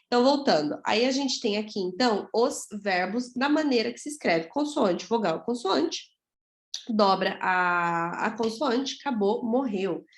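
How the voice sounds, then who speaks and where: A woman's voice: mid-range voice, expressive, normal speed, few pauses. A woman from Brazil teaching an English grammar lesson in a chatty way, often checking in with her students. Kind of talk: casual video lesson. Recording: echoey room.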